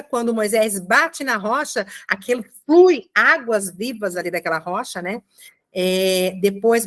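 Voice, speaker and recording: A woman giving a commented Bible reading, explaining slowly with frequent checking asides. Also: fairly high pitch, a bit bright. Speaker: Bible teacher.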